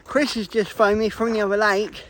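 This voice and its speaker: A man's voice: high voice, level tone, normal speed, a bit bright, slight background noise. A man vlogging outdoors beside a fishing lake, chatting casually and breaking off mid-sentence. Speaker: vlogger, angler. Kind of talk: casual vlog chat.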